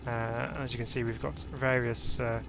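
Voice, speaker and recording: A man's voice: mid-range voice, level tone, normal speed, gravelly, background noise. A man streaming a sim race and commenting as he drives, in a chatty, upbeat way with many fillers. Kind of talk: live-stream commentary while racing. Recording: jazz music playing behind.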